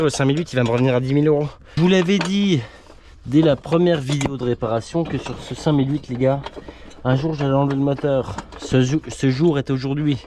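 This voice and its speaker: A man casually commenting in slangy, chatty talk to his viewers while he repairs a car in a workshop. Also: medium pitch. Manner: slangy, chatty, talks to viewers mid-task. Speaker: amateur mechanic vlogger. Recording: noisy workshop with tool clicks.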